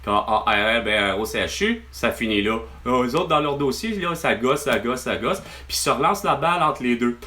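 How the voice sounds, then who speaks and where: On a phone call with his mom, this Québécois-accented vlogger vents in a rambling, exasperated way, cursing often. He speaks in a mid-range, expressive, pushed and bright voice, a little fast and with few pauses.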